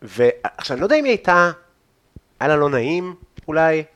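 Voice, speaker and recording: A man's voice: on the high side, very animated, a bit bright. A man with an Israeli accent, a podcast host, chatting and telling anecdotes in an informal, slangy way. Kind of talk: casual chat, anecdotal storytelling.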